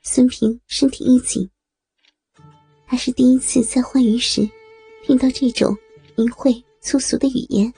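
Husky dark-voiced woman narrating a story. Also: high voice, fairly even intonation, a little slow, long pauses, faint music behind.

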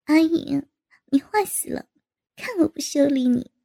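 A woman's voice: high voice, expressive, unhurried, creaky, dark tone, full character voice. A woman voicing a bashful young adult daughter who scolds and teases with a laugh. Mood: teasing.

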